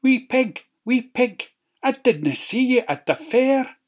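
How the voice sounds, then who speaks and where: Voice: mid-range voice, animated, takes it slowly, muffled recording, voice pushed up. A narrator voicing a sly, hungry old grey wolf in a Scottish storybook tale, in a wheedling sing-song. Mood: coaxing. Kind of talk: storybook reading.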